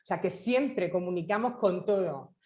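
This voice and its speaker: A woman's voice: fairly low pitch, animated, normal speed, a little mellow. Woman musing aloud in an echoey room. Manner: thoughtful, hesitant restarts. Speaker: panel guest. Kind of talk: conversational talk.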